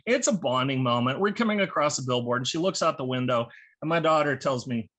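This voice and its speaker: American man, stand-up comic, husky bright voice, lively pitch, self-deprecating, halting delivery, video call. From United States. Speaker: stand-up comedian. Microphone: video call from home.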